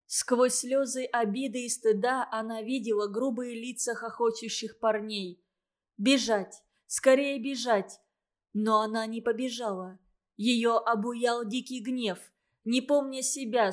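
A woman reading a novel aloud in a measured, expressive audiobook narration. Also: a little high.

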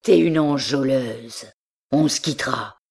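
A woman reading aloud, voicing a rough, jealous young countryman who talks bluntly in rustic speech. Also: rumbling low, slow pace, darkish tone, heavily acted. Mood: angry.

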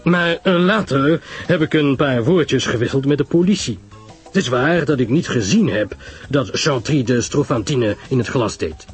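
A man voices a grave, self-assured older detective from a radio mystery, speaking emphatically and in a measured way, with pitch that swings widely. Music plays beneath him. The performance is lightly acted, with lively intonation.

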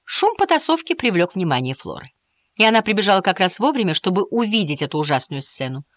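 A woman narrating a children's audiobook with expressive storytelling. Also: medium pitch, fast, dry recording. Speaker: audiobook reader.

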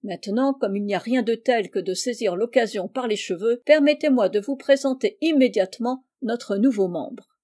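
A woman's voice: on the high side, moderate pace, dark tone, close to an everyday voice. A woman voicing a spirited teenage girl who speaks with bold emphasis, read aloud from a storybook. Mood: rousing.

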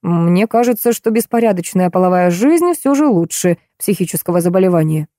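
A woman playing a gruff stern police major. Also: fairly low pitch, animated, fairly quick, mellow, no room sound, studio quality, natural voice.

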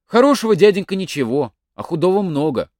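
A man's voice: high-pitched, sing-song, a little fast, a little mellow, no room sound, clean studio sound, voice pushed up. A man voicing a sly young village lad in a folk tale, bold and cheeky.

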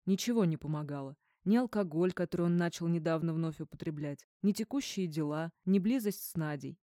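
A woman reading an audiobook in a measured, even narration. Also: on the low side, no echo, clean studio sound. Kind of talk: scripted narration.

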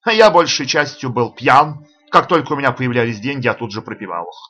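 A man reading the part of a fawning, sly old vagabond ex-soldier with a hoarse voice, as audiobook character reading. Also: medium pitch, lively intonation, a little fast, fairly bright tone, muffled recording. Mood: mocking. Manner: wheedling, mocking.

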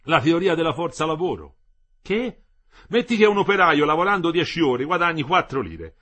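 A man reading as an eager husky young socialist worker. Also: fairly high pitch, moderate pace, pitched above the performer's own voice, exaggerated voice. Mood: fervent. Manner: excited, explaining and insisting. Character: bricklayer man, eager self-taught socialist. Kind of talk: audiobook reading.

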